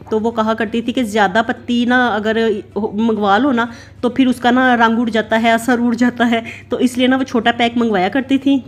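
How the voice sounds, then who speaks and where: Chatty woman vlogger, slightly high voice. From Pakistan. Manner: chatty, rambling, heavy use of filler "na". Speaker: vlogger mother. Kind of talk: casual voice-over narration. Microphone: voice-over recorded separately.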